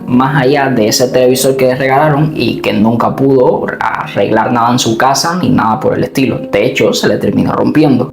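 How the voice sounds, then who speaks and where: A man in his twenties from Cuba, giving an earnest, explanatory commentary with personal stories. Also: mid-range voice. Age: 20s. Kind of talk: commentary video narration. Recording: roomy sound with music bed.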